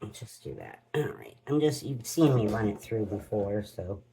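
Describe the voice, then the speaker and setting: A woman's voice: rumbling low, very animated, normal speed, warm tone, low-quality recording. A woman hosts a casual crafting vlog, muttering to herself as she works in homespun phrasing. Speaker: crafting channel host. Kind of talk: casual unboxing and demo vlog.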